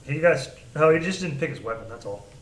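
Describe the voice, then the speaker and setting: A man's voice: a little high, lively intonation, fast talker. A man running a tabletop role-playing game as game master, talking casually with players. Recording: echoey room, distant mic, faint noise.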